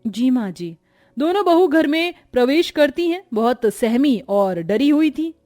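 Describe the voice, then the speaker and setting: A woman's voice: high voice, lively intonation, unhurried, darkish tone, soft background music. A woman narrating a cartoon moral story.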